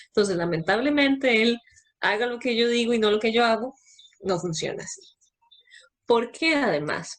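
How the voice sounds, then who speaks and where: A woman's voice: mid-range voice, husky. A woman giving a talk to parents, explaining step by step and answering her own questions.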